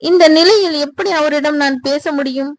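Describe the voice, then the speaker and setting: A woman's voice: high voice, normal speed, dry recording. A woman voicing a hurt, hesitant young wife who sounds pleading and unsure.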